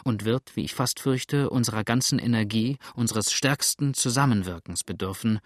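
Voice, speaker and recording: A man's voice: medium pitch, normal speed, no echo, studio quality, close to an everyday voice. A male audiobook reader voicing an earnest, urgent young farmer.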